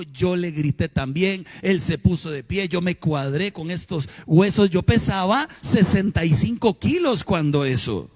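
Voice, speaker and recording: A middle-aged man preaching a sermon, telling personal stories and swinging between loud exclamations and hushed asides. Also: sits high. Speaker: pastor.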